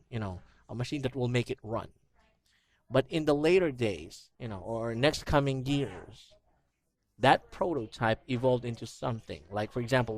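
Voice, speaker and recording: A man's voice: medium pitch, no room sound. A man teaching English one-on-one over a video call. He patiently explains new vocabulary with everyday examples and leans on "you know" as he talks. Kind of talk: online one-on-one English lesson.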